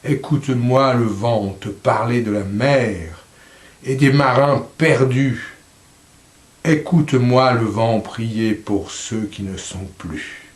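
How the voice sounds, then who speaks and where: A man reciting poetry in a slow, solemn voice, letting line endings drop softly. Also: mid-range voice, echoey room. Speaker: poetry reader.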